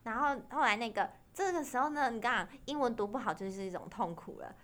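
A woman's voice: a little high, quick pace. A young woman with a Taiwanese Mandarin accent telling a travel story as a podcast host, acting out the voices of the people in it. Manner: animated storyteller, acts out quoted voices, laughs and cries while telling. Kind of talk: casual storytelling chat.

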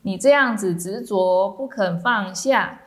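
Calm, patient Buddha figure in a told parable, a nun reading the part in her own voice. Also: mid-range voice, a little slow, natural voice.

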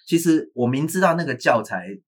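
A man's voice: fairly high pitch, lively intonation, normal speed, breathy edge. A man hosting a casual chat as an English teacher, chatty and laughing often, speaking straight to parents. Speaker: podcast host and English teacher.

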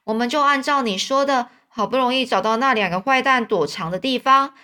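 A woman's voice: fairly high pitch, fairly quick, bright, forceful tone. A woman voicing a kindly, talkative old man in a storybook reading. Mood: storytelling. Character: kind old man, warm father.

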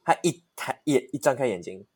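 A man co-hosting a podcast, telling a ghost story in a casual, animated way with frequent laughter. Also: medium pitch, fairly quick, husky. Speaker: podcast co-host.

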